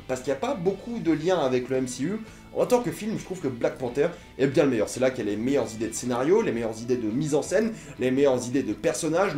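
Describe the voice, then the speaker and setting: A young man rattles through a film review at high speed, eager and often restarting his sentences. The room around him sounds hollow and echoey, with a little music faint underneath. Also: warm tone. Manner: fast, enthusiastic, self-correcting.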